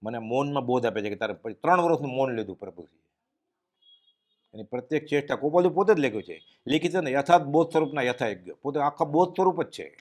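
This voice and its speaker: A man giving a devotional discourse, telling stories and dropping his voice low and quiet at solemn moments. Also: expressive, fast talker. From Gujarat, India. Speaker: spiritual speaker giving a discourse.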